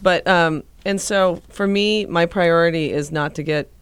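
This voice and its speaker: A woman's voice: on the low side, measured pace, smooth. Frank woman radio co-host. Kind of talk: casual radio chat.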